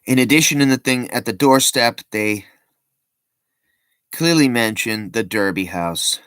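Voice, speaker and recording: A man's voice: medium pitch, unhurried, fairly bright tone, clean tone, no room sound. A man giving casual, rambling commentary as a vlogger, breaking off with joking asides and plenty of ums and restarts.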